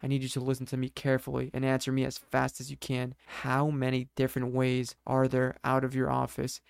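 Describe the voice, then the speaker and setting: A man's voice: mid-range voice, completely flat delivery, a little fast, creaky, clear, resonant tone, dry recording, clean studio sound, lightly acted. A man voicing a worried wife who urgently orders her husband to get out. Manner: urgent, commanding.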